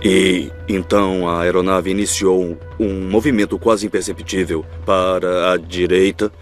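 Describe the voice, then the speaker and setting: Male crash expert, low voice, Brazilian accent, measured explanation, faint music. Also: level tone. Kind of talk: dubbed interview voice-over.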